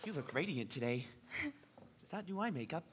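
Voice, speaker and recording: A man's voice: fairly high pitch, big pitch swings, fairly quick, a little hiss or hum. A teenage boy acting as a meek, clumsy young shop clerk on a school stage. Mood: timid. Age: teens. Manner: meek, timid. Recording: echoey hall, audience from far.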